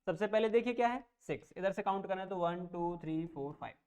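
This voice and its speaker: A man teaches an online math class in a patient, reassuring way. He walks through each step slowly, repeating numbers aloud and checking that the students understand. His explanations stay plain and simple. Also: high voice, a little mellow. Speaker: coaching teacher.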